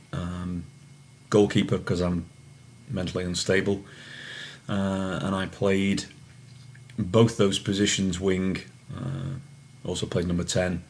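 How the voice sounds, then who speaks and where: A man in his forties speaks with a Manchester English accent, his voice sitting very low. He answers interview questions haltingly, pausing and restarting often, with a faint hum underneath. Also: creaky. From England. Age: 40s. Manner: hesitant, many ums and restarts. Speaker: interviewee, soccer referee.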